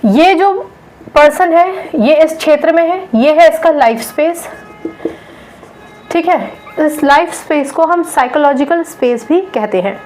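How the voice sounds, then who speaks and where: A woman's voice: high-pitched, expressive, a little slow, a little mellow, faint music behind, poor audio. A woman teacher giving a lecture in an explanatory way, often checking in with her students. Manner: explanatory, checks in with "theek hai". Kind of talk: classroom lecture.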